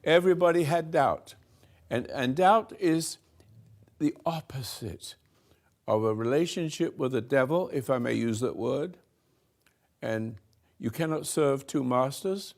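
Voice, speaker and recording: An older spiritual teacher hosts a talk, speaking slowly to a room in a creaky, medium-pitched voice. His talk rambles, halting and restarting, and swings between soft and loud.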